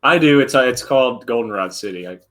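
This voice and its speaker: A man's voice: mid-range voice, lively intonation, quick pace, fairly bright tone, rough recording. A man in his thirties co-hosting a podcast, chatting casually and rambling through stories. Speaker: podcast co-host. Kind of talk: casual chat.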